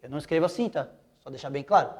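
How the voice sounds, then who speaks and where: A man's voice: a little high, racing, a little mellow. Man, Brazilian accent, young adult, online lesson, casual slangy upbeat teacher. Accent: Brazilian Portuguese. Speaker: biology teacher. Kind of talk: online exam-prep lecture.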